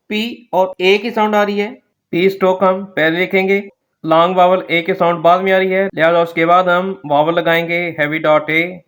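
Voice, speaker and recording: A man teaching shorthand step by step, slowly spelling out letters one at a time. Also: on the high side, a bit bright. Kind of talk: step-by-step lesson.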